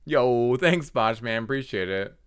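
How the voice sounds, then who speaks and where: Male streamer, chatty live gameplay commentary, close dry headset mic, lively pitch. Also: a little slow, smooth, no echo. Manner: chatty, reacts aloud while playing, talks to chat. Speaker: livestreamer and card game player.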